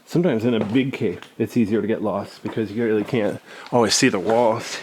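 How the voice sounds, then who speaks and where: A man's voice: on the low side, a little fast. A man talking casually as a laid-back cave guide, explaining things to viewers as he explores inside a cave. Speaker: caver guiding viewers through a cave. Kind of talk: casual on-the-move vlog narration. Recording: clear noise, clicks, inside a cave.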